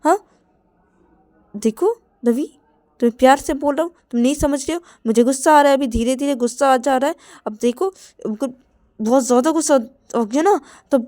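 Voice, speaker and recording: A woman voicing a hot-tempered young man who angrily refuses and threatens, in a repetitive, shouting manner. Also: medium pitch, no echo, studio quality, lightly acted.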